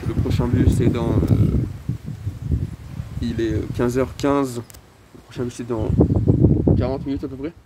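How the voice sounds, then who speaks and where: Man, medium pitch, face mask, rambling casual vlog, halting delivery, wry complaints, very noisy outdoor roadside. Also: fairly even intonation. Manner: halting, hesitant, wry grumbling with mild swearing. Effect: speaking through a face mask. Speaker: video creator talking to followers. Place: outdoors by a roadside bus stop. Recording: loud outdoor street and vehicle noise.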